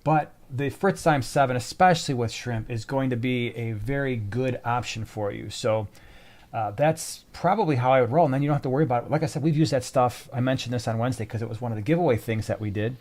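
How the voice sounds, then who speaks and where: A man's voice: mid-range voice, fast talker, darkish tone. A man co-hosting a casual live stream, chatty and joking while he answers viewer questions.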